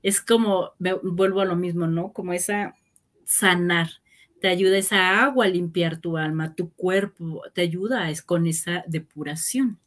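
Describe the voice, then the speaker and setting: A woman's voice: fairly low pitch, unhurried. A woman hosting a talk on grief, explaining reflectively with everyday examples. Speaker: host. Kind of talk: casual talk on grief and healing.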